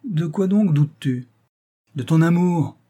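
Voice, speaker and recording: A petulant young actress, sharp and jealous, who mocks her lover in raised bursts, as a man reads her part. The voice stays mellow and a little husky underneath. It belongs to a storybook reading. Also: fairly high pitch, moderate pace, pitched above the performer's own voice, close to an everyday voice. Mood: vehement.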